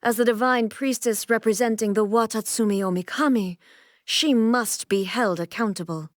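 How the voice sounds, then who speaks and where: Voicing a stern deity who rules in a video game, a woman reads scripted lines in a composed, formal, stately way, sounding solemn and commanding. The performance is lightly acted in a fairly high pitch. The studio audio is clean, without echo.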